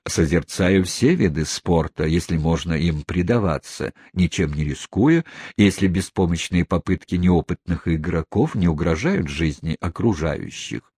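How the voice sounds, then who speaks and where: A man reading the part of a pompous, stately elderly gentleman who speaks in measured phrases. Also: sits low, lively intonation, slightly rough, no echo, studio quality, exaggerated voice. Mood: solemn. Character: pompous elderly club leader, solemn and stately.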